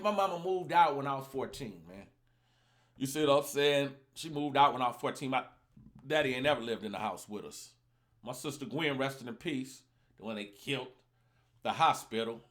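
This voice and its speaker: Animated, bright-voiced Los man. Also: mid-range voice. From Los Angeles. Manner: animated, profane, acts out other people's lines. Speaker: vlogger telling a personal story. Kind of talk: casual storytelling monologue.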